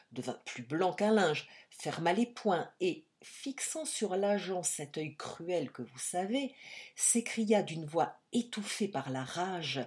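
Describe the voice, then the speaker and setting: A woman narrating a story aloud in a measured, expressive reading. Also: lowish voice. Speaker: audiobook reader. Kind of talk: scripted narration.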